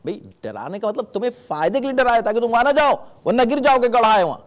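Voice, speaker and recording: A middle-aged man explaining Quran verses in sermon style, animated and acting out warning calls in his examples. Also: very high voice. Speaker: Islamic scholar giving Quran commentary.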